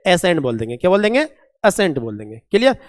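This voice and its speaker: A man teaching a vocabulary lesson, asking and answering his own questions and reading English examples out slowly. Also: high-pitched, big pitch swings. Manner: asks and answers his own questions, calls students "beta". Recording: long echoing reverb.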